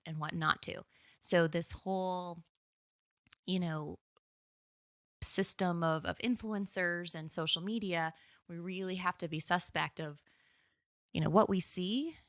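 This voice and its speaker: A woman's voice: lowish voice, pushed and bright, dry recording, studio quality. A woman co-hosting a podcast, explaining ideas in casual conversation and thinking aloud with small restarts. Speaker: podcast co-host.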